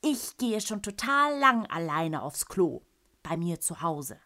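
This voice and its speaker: A woman voicing a small boy, eager and easily scared, in a children's story, with high excited squeaks. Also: slow pace, full character voice. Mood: proud.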